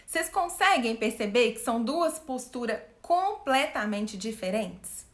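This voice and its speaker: Animated woman coach with a roomy echo. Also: on the high side, a little slow. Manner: animated, asks the audience questions, acts out quotes. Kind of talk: live-stream talk to viewers.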